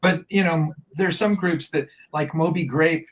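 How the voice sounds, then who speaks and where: A man's voice: fairly high pitch, unhurried, low-quality recording. A man in his seventies, a band member being interviewed, telling a long anecdote in a rambling, chatty way. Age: 70s. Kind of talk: casual interview storytelling.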